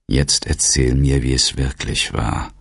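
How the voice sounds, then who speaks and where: A man's voice: rumbling low, fairly even intonation, measured pace, creaky, fairly bright tone, slightly rough, dry recording, studio quality, full character voice. A man voicing a strong-willed, commanding upper-class mother in an audiobook, probing and insistent.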